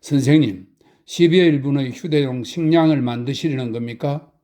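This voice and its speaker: A man's voice: medium pitch, moderate pace, mellow, natural voice. A man reading an eager young student. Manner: respectful, eager. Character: energetic young male student, respectful.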